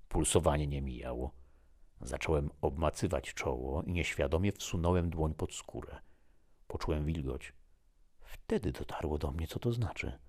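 Very deep, husky male storyteller. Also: a little mellow. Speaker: narrator. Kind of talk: first-person story reading.

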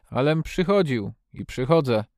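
A man voicing a stubborn, loyal old male gardener in a storybook reading, speaking slowly with emphasis. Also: medium pitch, lively intonation, darkish tone, dry recording, clean studio sound.

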